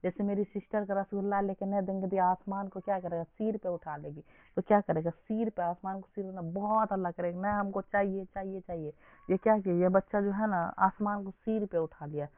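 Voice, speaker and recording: A man's voice: high-pitched, fairly even intonation, a little fast, no echo. A young man teaching an exam coaching lesson, quizzing his listeners with repeated questions. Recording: dry, phone-like lo-fi sound.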